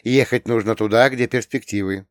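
A man voicing a kindly older mother who speaks gently and blesses her daughter. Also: fairly low pitch, fairly even intonation, normal speed, no echo, clean studio sound, natural voice. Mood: motherly.

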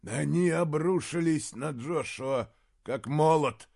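A man reading an audiobook, voicing an anxious male royal adviser who reports a battle in halting words. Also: fairly high pitch, vocal fry, darkish tone, voice pushed up, full character voice.

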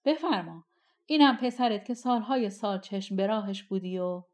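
A woman voicing a stubborn, angry male sultan who speaks in loud, commanding tones. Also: mid-range voice, lightly acted.

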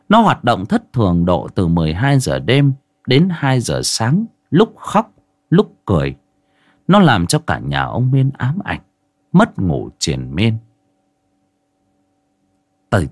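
A man narrating a horror story with dramatic, suspenseful pacing and sharp rises and drops. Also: lowish voice, dry recording.

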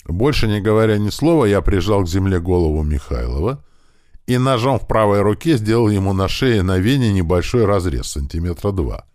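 A man reading a first-person audiobook with expressive storytelling. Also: fairly low pitch, a little fast, dry recording, clean studio sound. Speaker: audiobook narrator.

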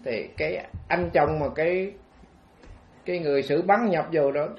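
A Buddhist monk tells a story in a rambling, folksy sermon, restarting often. His voice sits high for a man. The recording is dull and lo-fi. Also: steady tone, normal speed, faint music behind. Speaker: Buddhist monk giving a dharma talk.

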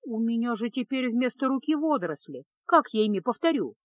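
A woman's voice: fairly high pitch, very animated, fairly quick. A woman voicing an impulsive young girl apprentice who sounds eager and touchy. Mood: sulky.

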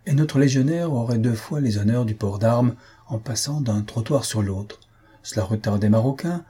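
A man reading a classic story aloud in an even, measured narration. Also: lowish voice, slightly rough. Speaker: audiobook reader. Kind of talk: scripted narration.

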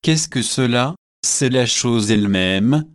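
A man reading aloud the lines of a fanatical, excitable preacher in a slow, measured way. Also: medium pitch, dry recording, studio quality. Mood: panicked.

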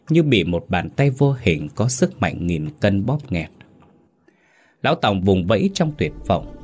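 A man narrating a horror story in a dramatic, measured way. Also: low-pitched, a little mellow. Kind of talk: scripted ghost story narration. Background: faint music.

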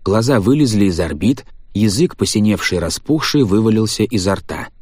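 A man reading a story aloud in a measured, tense narrating voice. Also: fairly low pitch, expressive, darkish tone, husky, dry recording, studio quality. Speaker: audiobook narrator. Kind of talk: scripted narration.

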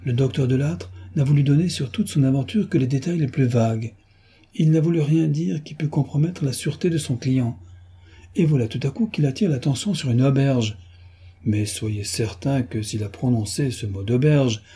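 Man reading as an insistent young sleuth, voice raised a bit, very husky and mellow, storybook. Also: medium pitch, normal speed. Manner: fervent, insistent.

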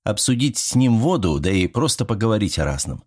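A man's voice: on the low side, fairly quick, husky. A man reading the lines of a modest, easygoing young man in an audiobook. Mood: relaxed. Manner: modest, relaxed.

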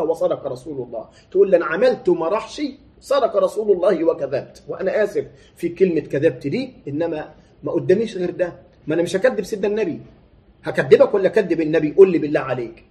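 A man's voice: on the high side, dark tone. A man with an Egyptian Arabic accent preaching a sermon, moving between formal recitation and colloquial explanation, with many rhetorical questions.

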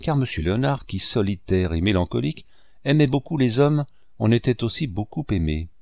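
A man reading a classic French story aloud as audiobook narrator, measured and expressive. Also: mid-range voice, gravelly, no echo, studio quality. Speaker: audiobook reader.

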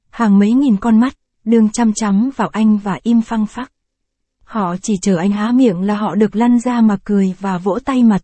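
A woman narrating a short story in a calm, even storytelling manner, close to the mic. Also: mid-range voice, dry recording. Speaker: audiobook narrator. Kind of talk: scripted short story reading.

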